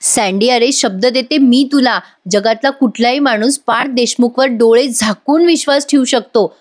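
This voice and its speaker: A woman's voice: a little high, moderate pace. A woman from Maharashtra giving a chatty recap of a TV serial episode to her viewers, retelling scenes and quoting characters.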